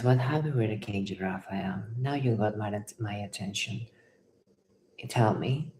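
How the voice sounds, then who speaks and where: A warm bass voice belongs to this Ecuadorian tarot reader, who chats on a live stream by reading comments aloud and reacting to them. She tends to repeat her own phrases, and the echoey recording carries a slight hiss or hum.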